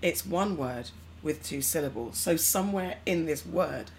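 A woman's voice: deep voice, lively intonation, unhurried, darkish tone, slight background noise. A woman co-hosting a podcast, running a quiz game in a teasing, bossy way. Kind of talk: playful casual chat.

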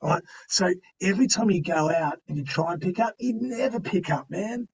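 A man's voice: high-pitched, lively intonation, fairly quick, vocal fry, a little mellow, far from the mic, lo-fi sound, slight background noise. A middle-aged Australian man chatting as a podcast guest, telling stories and giving encouragement in an emphatic, slangy, blokey way. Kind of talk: animated interview storytelling and motivational chat.

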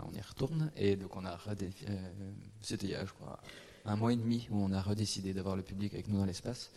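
A low male voice with plenty of vocal fry explains things in an informal panel discussion. He stays quite flat and pauses to think aloud. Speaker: performance creator.

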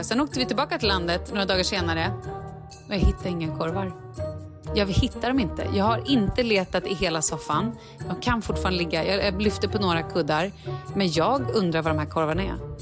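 A woman, a mother of a small child, chatting casually and telling stories with lively acted-out quotes. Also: lowish voice, music in the background. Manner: animated storyteller who acts out quotes. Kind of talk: casual chat.

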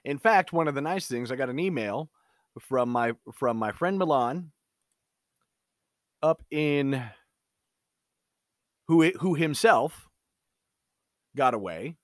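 A man's voice: mid-range voice, animated, slow pace, long pauses, no room sound, clean studio sound. A man delivering an emphatic, opinionated commentary monologue.

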